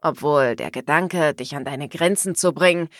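A woman voicing a menacing, dominant gangster man with a rough, low voice, speaking slowly and threateningly. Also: no echo, clean studio sound, close to an everyday voice.

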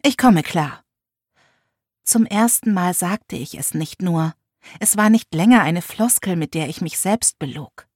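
Husky woman narrating an audiobook. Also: fairly low pitch, unhurried, darkish tone, no echo, clean studio sound. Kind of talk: first-person audiobook narration.

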